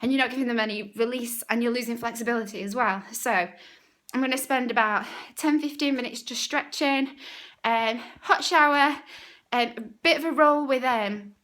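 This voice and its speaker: A woman's voice: on the high side, normal speed, fairly bright tone. A young woman, a fitness instructor, talking casually through a workout vlog, upbeat and chatty, at times out of breath.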